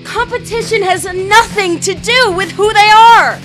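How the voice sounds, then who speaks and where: In an amateur online radio drama, a woman voices a cynical, defiant teenage schoolgirl who is secretly a model, sounding angry and hurt. Her delivery is emotional, indignant and emphatic, in an extremely high, fairly bright voice at an unhurried pace. Faint music plays behind her.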